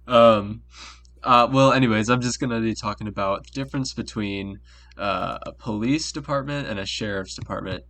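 A man's voice: fairly low pitch, normal speed, fairly bright tone. A man co-hosting a podcast, explaining things in a laid-back way with many fillers, talking over a voice call. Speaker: podcast co-host. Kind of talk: casual chat on a call.

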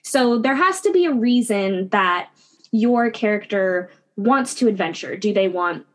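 A woman's voice: medium pitch, lively intonation, measured pace. A young woman teaching an online class over a video call, chatty and upbeat with lots of "like" and "um". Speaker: guest instructor.

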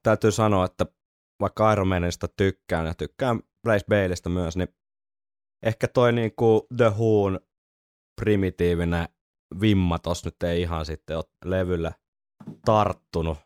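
A man's voice: deep voice, clear, resonant tone, no echo, studio quality. A man co-hosting a podcast, chatting casually and laughing often. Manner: laughs often, relaxed banter. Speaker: podcast co-host. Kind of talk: casual chat.

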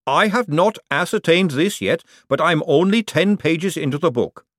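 A man voicing an earnest female golem clerk who speaks slowly, formally and precisely, in a higher voice than his own. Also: expressive, fairly bright tone, dry recording, studio quality.

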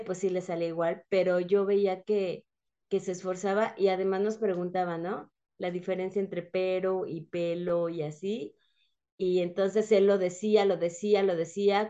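A woman with a Mexican Spanish accent, a host mother of an exchange student, telling family anecdotes in a relaxed chat and laughing often. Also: medium pitch, highs cut off. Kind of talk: casual podcast storytelling.

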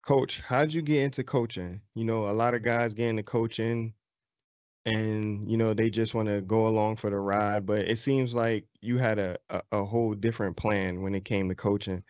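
A man who is a former player, hosting a podcast in a relaxed and casual conversation. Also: fairly low pitch, moderate pace, no room sound, muffled recording.

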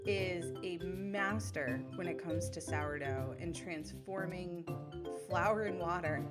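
A woman hosting an interview show, gushing and enthusiastic, talking in quick bursts full of "like". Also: on the low side, loud music behind the voice. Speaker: podcast host. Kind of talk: casual interview.

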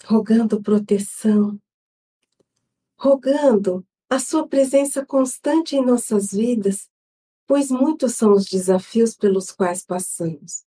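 A Brazilian woman hosting an online Spiritist gospel study, leading an opening prayer and reading a devotional text in a solemn, measured way. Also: on the high side, mellow. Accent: Brazilian Portuguese. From Brazil, São Paulo state.

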